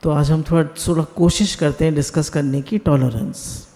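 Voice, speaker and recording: A man's voice: fairly high pitch, steady tone, normal speed, mellow, in a large hall. A man giving a spiritual discourse on a video call. He asks his listeners questions and mixes English words into his talk. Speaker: satsang speaker.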